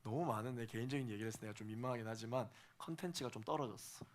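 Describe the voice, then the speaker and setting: A male pastor preaching to young adults, emphatic, repeating phrases for stress and swinging between soft and loud. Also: mid-range voice, rapid-fire. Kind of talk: sermon to a young adults' congregation.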